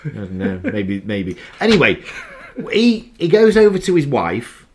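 A podcast co-host recaps a TV episode in casual chat, talking freely, swearing now and then, and acting out quotes. His mid-range, darkish voice swings hugely in pitch at an unhurried pace, with slight background noise.

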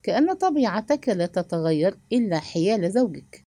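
A woman's voice: mid-range voice, moderate pace, no echo. Woman reading a curt young male doctor. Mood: calm probing. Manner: calm, probing questions.

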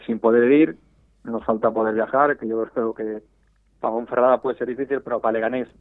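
Over a tinny, dry landline, a Spanish man who heads a supporters' club federation speaks briskly in a mid-range voice with fairly even intonation and no echo. Calling in to a radio interview, he talks hesitantly, often restarting and repeating words.

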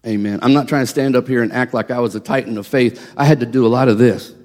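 A man's voice: medium pitch, fast, a little mellow. A man preaching a sermon as a missionary, telling his story and acting out the people he quotes. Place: church sanctuary. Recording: echoey church hall.

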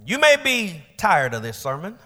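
Male pastor, dynamic sermon delivery, shouted climaxes and soft drops, reverberant sanctuary. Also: sits high, huge pitch swings, moderate pace. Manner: preaching with rising shouted peaks and quiet drops; colloquial asides. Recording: long church hall reverb.

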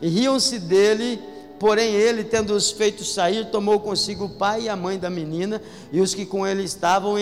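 A man with a Brazilian Portuguese accent preaching a sermon as pastor, emphatic and calling out to the congregation. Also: high-pitched. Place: church hall. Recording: echoey hall with faint music.

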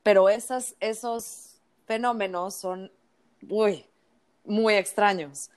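A woman's voice: mid-range voice, takes it slowly. A woman, a guest in a casual conversation, speaking candidly and quoting her friends. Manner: candid, reflective, quotes friends.

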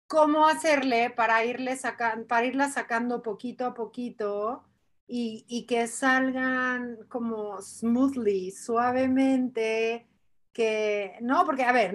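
High-voiced chatty woman host. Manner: chatty, animated, thinks aloud. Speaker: podcast host. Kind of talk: casual chat.

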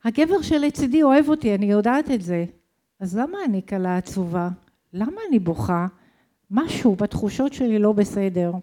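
A woman's voice: medium pitch, lively intonation, mellow. A middle-aged woman from Israel, telling her own life story in an intense, emotional way and asking herself questions. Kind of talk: dramatic personal storytelling.

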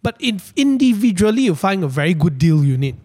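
Higher-pitched Malaysian man, colloquial English. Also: big pitch swings, fairly quick, dark tone, slightly rough. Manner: colloquial Malaysian English with lah and lor particles. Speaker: co-host reading audience questions. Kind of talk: casual market chat.

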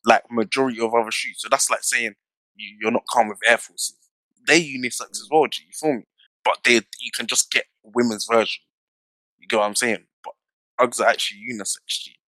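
A man's voice: medium pitch, fairly even intonation, fairly quick, bright, forceful tone, no echo, low-quality recording. London roadman lad, dry close sound. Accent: London roadman, multicultural urban London slang. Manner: slangy, punctuated with check-in tags. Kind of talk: casual chat, debating opinions.

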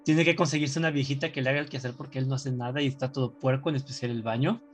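A man's voice: medium pitch, fairly even intonation, racing, faint music behind. A man in casual chat, explaining a film in a joking, rambling way. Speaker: podcast co-host.

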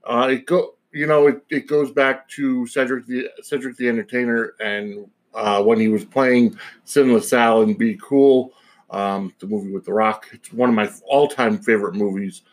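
A man's voice: medium pitch, steady tone, normal speed. A man hosting a podcast alone, giving a casual opinion monologue in a rambling, digressive way. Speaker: podcast host.

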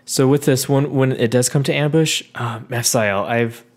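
A man playing a tabletop game, chatting casually and hesitantly with many pauses and restarts. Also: medium pitch.

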